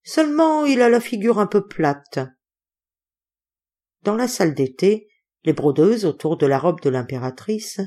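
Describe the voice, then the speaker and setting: A woman reading a novel aloud as an audiobook, in an expressive, lively way, raising her voice for the townsfolk's cries. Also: low voice. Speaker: audiobook reader.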